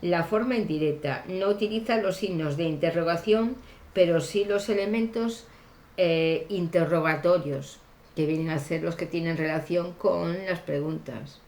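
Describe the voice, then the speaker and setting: Slow-speaking woman teaching grammar. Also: fairly low pitch, darkish tone, echoey room. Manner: deliberate, hesitant with frequent fillers. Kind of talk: slow classroom grammar explanation.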